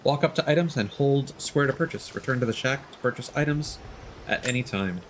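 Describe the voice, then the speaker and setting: Speaking a little fast in a mid-range voice, this male streamer provides relaxed live commentary on his game and mumbles jokes to himself. The game audio comes through clearly behind him.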